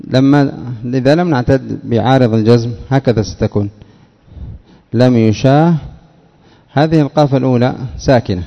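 A man's voice: medium pitch, mellow, long reverb tail, muffled recording. A man, a sheikh, teaching a classroom lesson on Arabic morphology, stretching out key words and quizzing his listeners with short questions.

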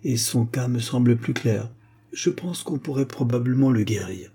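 A man's voice: medium pitch, moderate pace, warm tone, breathy edge. A man reading aloud, voicing a pompous old blind village doctor who lectures with confident authority. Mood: assured. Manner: self-assured, lecturing.

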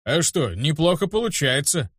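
A gruff, irritable grown man who brushes off every doubt, as a male narrator puts him on. His talk is brusque and impatient. The read sounds close and dry. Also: a little high, big pitch swings, moderate pace, dry recording, voice pushed up.

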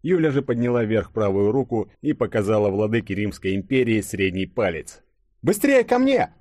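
Low-voiced male audiobook narrator. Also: dark tone, no echo, clean studio sound. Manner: dramatic, measured storytelling.

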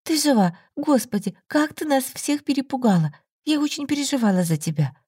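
Brief: a fussy, worried young woman friend, put on by a woman narrator, high and anxious, dry close audiobook sound. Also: lively intonation, a little mellow, slightly rough, no echo. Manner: anxious, fast-talking, high-pitched. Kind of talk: audiobook story reading.

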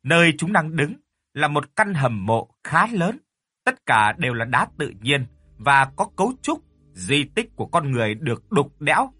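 A man narrating a horror story with a lively storytelling delivery. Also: fairly high pitch, moderate pace, slightly rough, no echo. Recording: dry close mic with faint music.

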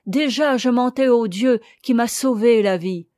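A woman's voice: a little high, unhurried, warm tone, dry recording, studio quality, natural voice. A woman reading the part of a passionate, despairing young woman in an audiobook, with an impassioned, pleading delivery. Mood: confessing.

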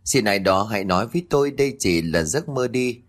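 A man's voice: on the low side, animated. A man voicing a frantic, grieving young woman. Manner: frantic, tearful, rushed.

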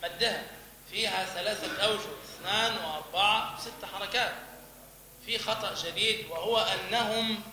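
A man's voice: sits high, moderate pace, pushed and bright. A man with an Egyptian accent teaching a class on the call to prayer, demonstrating chanted lines and quizzing his students. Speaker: religious teacher. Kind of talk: lecture on recitation. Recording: echoey hall with audience.

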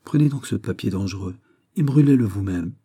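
A man's voice: fairly low pitch, animated, a little fast, warm tone, breathy edge. A man voicing a sly scheming duchess. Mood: insinuating.

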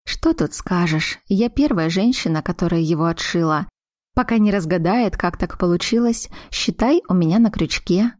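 A woman's voice: lowish voice, expressive, normal speed, a little mellow, dry recording, studio quality, lightly acted. A woman voicing a wounded, emotional grown daughter, pleading and breaking with feeling, in a read audiobook. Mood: wry.

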